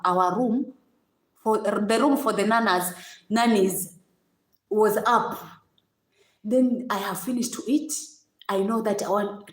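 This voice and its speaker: Casual livestream vlogger, woman with a slightly high voice who stops, repeats herself and laughs between phrases, in an echoey room. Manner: halting, repeats words, laughs often.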